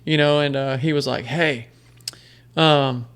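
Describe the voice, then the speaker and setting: This man's voice sits a little high, steady and a bit bright, clear and resonant at normal speed. As a podcast guest in casual conversation, he rambles through stories, using lots of fillers and restarting often.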